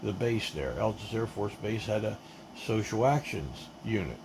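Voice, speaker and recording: Man, gravelly voice, rambling testimony, blunt, swears, faint hum behind. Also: on the low side, animated, moderate pace. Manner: rambling, with many fillers and restarts. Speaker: guest telling his life story. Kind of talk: casual spoken testimony.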